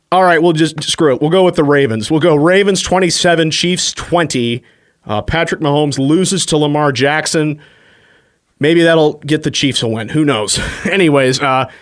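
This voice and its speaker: A man with a slightly higher voice hosts a sports radio show from a studio microphone. He races through rankings and game times in a breezy, rapid way, sprinkling in uh's as he goes. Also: fairly bright tone.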